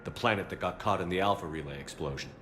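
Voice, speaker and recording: A man voicing a steady, confident military commander in a video game, measured and assured. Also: low-pitched, slight background noise. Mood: serious.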